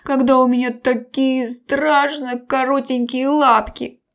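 A woman voicing a whimpering male crocodile with a toothache, moaning in slow, drawn-out wails in a storybook reading. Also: high voice, little pitch movement. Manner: wailing, slow drawn-out moans.

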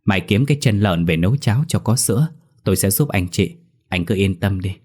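A man voicing an older exorcist master who speaks in a measured, firm and grave way in a ghost story. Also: deep voice, animated, a little mellow.

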